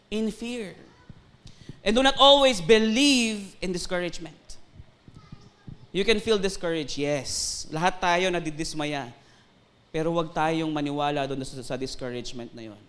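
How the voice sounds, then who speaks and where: A man's voice: fairly high pitch, fairly bright tone. A man with a Filipino accent, a pastor preaching a sermon, telling a story and often asking the congregation to answer "Amen?". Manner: storytelling, mixing Tagalog and English, often asks the congregation "Amen?".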